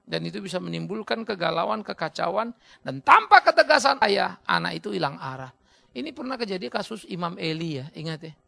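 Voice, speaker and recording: Animated man preaching with gravelly voice. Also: a little fast. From Indonesia. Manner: animated, swings between shouting and low asides, acts out quoted voices. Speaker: pastor. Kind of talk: sermon.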